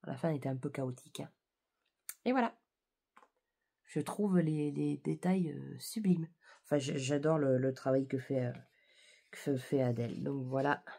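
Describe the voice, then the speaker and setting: A woman's voice: a bass voice, a little slow, creaky, long pauses, dark tone. A young French woman book vlogger chatting casually, with many fillers and restarts. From France. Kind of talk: casual chat.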